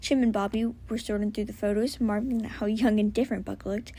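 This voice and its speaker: A woman doing a soft whispered story reading at home. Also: medium pitch, steady tone, fast talker. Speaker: story reader. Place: home with a cat.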